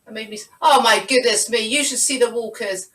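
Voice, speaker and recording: High-voiced woman leading a Pilates class. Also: fairly quick, sharp tone. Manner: encouraging, counts reps aloud. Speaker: Pilates instructor. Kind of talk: live online fitness class. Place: room at home, on a video call. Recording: roomy, distant video-call sound.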